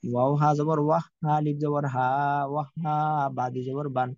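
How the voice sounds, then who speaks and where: A man teaching Quran reading, spelling out Arabic letters and vowel marks slowly in a repetitive drill. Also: a little high, little pitch movement, darkish tone, dry recording. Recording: dull lo-fi dry recording.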